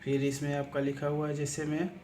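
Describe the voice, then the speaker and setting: A man's voice: on the high side, completely flat delivery, brisk, a little mellow. A man teaching a shorthand lesson, explaining step by step, repeating himself often and spelling words out letter by letter. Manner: repetitive, step-by-step explaining, keeps saying "aapka". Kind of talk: spoken lesson walking through examples. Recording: echoey room with clear background noise.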